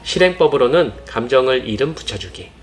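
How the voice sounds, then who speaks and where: Earnest man narrating gentle parenting advice. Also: mid-range voice, animated, a little fast. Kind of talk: scripted narration. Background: soft background music.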